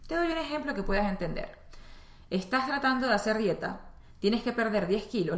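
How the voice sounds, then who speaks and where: A woman from Venezuela with a Venezuelan accent, giving a spiritual self-help talk and speaking straight to the listener in a conversational way. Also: mid-range voice. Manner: conversational, addresses listener directly. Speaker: spiritual teacher and astrologer. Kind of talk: spoken self-help monologue. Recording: echoey room.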